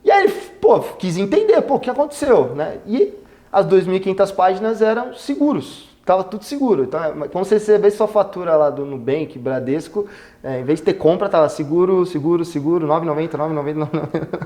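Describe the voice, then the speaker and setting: Brazilian guy, podcast guest, slangy and animated, acts out dialogue, slightly high voice. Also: fast. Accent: Brazilian Portuguese. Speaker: guest, company executive. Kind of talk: casual storytelling interview.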